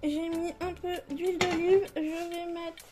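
Chatty high-voiced woman cooking at home. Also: little pitch movement, measured pace. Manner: chatty, many fillers, laughs at herself. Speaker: home cook vlogger. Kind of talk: casual cooking tutorial. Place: home kitchen.

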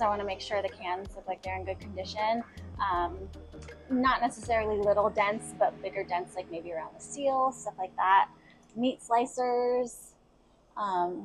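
A woman in her thirties with an American accent, an environmental health specialist talking casually and laughing easily about her work, filmed in a car and a kitchen. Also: mid-range voice. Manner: chatty, friendly, laughs easily. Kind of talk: casual on-the-job interview. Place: inside a car and a restaurant kitchen.

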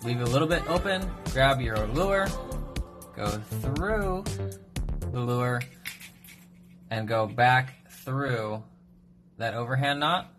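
A man in his thirties giving a brisk, upbeat step-by-step tutorial on fishing knots, recorded on a phone at a kitchen sink. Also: medium pitch, music in the background. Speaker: fishing knot instructor.

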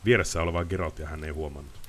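A man's voice: very deep voice, slight background noise. A man reading a novel aloud on a live stream, with casual asides. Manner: lively reading with chatty asides. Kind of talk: audiobook-style reading.

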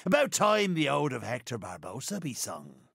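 A man playing a boastful older pirate captain in a video game, with a raspy voice, a theatrical West Country pirate accent and rolling archaic phrasing. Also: mid-range voice, huge pitch swings, moderate pace, fairly bright tone, dry recording, clean studio sound, exaggerated voice. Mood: proud, boastful. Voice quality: gravelly, raspy. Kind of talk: video game character voice lines.

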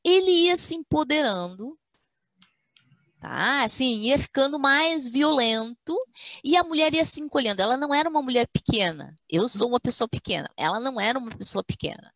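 A woman's voice: high-pitched, animated, moderate pace, fairly bright tone, no echo. A woman academic, telling stories in a webinar chat and acting out quotes in a firm motherly voice. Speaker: guest speaker, university academic. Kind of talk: webinar conversation, storytelling.

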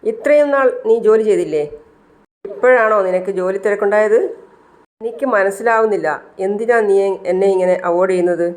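A woman's voice: mid-range voice, fairly quick, a little mellow, natural voice. A storyteller voicing a hurt, angry young woman who confronts a friend with pleading, reproachful questions.

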